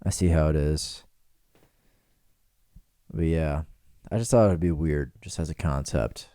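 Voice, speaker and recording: A man's voice: rumbling low, measured pace, mellow, no echo, clean studio sound. A man in his twenties hosting a podcast, rambling and riffing in casual joking chat in a small room with pillows dampening the sound. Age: 20s. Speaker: podcast host.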